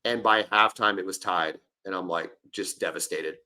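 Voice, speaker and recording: Deep-voiced and sharp in tone, this forties-aged man speaks at a moderate pace while co-hosting a casual sports podcast. He's keen to tell stories and frequently cuts across his co-host.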